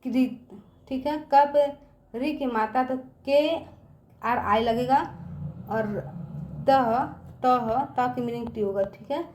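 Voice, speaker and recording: A high-pitched woman teacher spells words for children one letter at a time and keeps asking whether they have understood. Her voice rings around an echoey room. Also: slow pace, pauses often, a little mellow.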